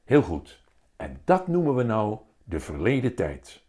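A man's voice: on the low side, a little slow. Man doing a theatrical schoolteacher. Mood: playful. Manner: theatrical, animated teaching. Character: playful bearded male schoolteacher.

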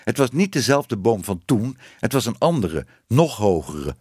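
Male audiobook narrator for children's fiction, animated delivery, dry booth sound. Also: fairly low pitch, unhurried, husky, no room sound. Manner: expressive, varied reading. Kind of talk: scripted narration of a children's book.

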